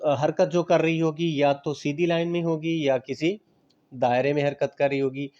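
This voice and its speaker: A man's voice: on the high side, darkish tone, muffled recording. A man giving a classroom lecture on physical education, explaining patiently with everyday examples, mixing in English terms and checking that students understand.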